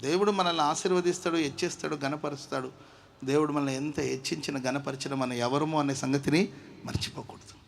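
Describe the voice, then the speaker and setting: A male pastor preaching a sermon, swinging from hushed asides to loud exhortation and calling the congregation to shout hallelujah. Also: on the high side, fairly even intonation, fairly quick, vocal fry, slight background noise. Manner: calls on the congregation to say amen and hallelujah. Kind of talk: Telugu sermon. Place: church service with congregation.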